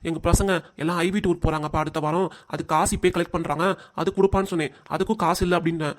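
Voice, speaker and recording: A man's voice: fairly high pitch, steady tone, quick pace, natural voice. A man voicing a young college-age son in a cartoon, earnestly pleading with his parents. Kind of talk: cartoon voice acting.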